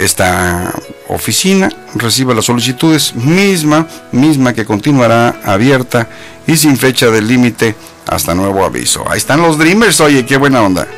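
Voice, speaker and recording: A man's voice: mid-range voice, a bit bright. A man hosting a live internet radio show, chatting playfully and joking as he explains the news. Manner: jokey, playful, mock-mispronounces English.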